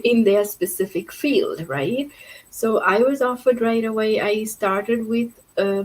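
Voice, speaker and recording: A woman's voice: mid-range voice, poor audio. A middle-aged woman from Fiji, talking as an interview guest over a video call, chatty and full of fillers and restarts. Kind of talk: casual interview talk.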